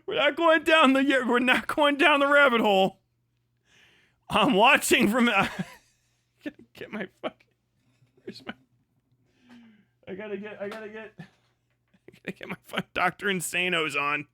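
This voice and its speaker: Hosting a laid-back live stream, this young streamer swears, laughs often and bursts out in sardonic disbelief. He speaks in a high, expressive voice at a moderate pace, with long pauses and a sharp tone.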